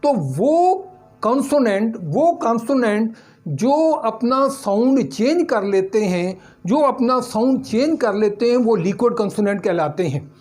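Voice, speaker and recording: A man's voice: very high voice, big pitch swings, unhurried, a little mellow, soft background music. A male English teacher giving a recorded lesson on pronunciation, asking questions and answering them himself while repeating the key sounds.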